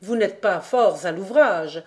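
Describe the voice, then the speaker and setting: A woman voicing a boastful, mocking old skipper in an audiobook, teasing loudly. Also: medium pitch, expressive, slow. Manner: loud teasing.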